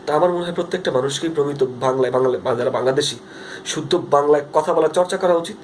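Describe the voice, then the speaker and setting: He talks fast in a slightly high voice, a young Bangladeshi man speaking accented Bengali into his phone for a casual video diary. Earnest and full of fillers and restarts, the clip carries a little hiss or hum.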